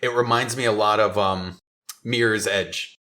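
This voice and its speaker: A man's voice: on the low side, fairly even intonation, a little slow, a bit bright. A man co-hosting a podcast, chatting casually about a game in a joking, teasing way and laughing easily. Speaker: podcast co-host. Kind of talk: casual gaming chat.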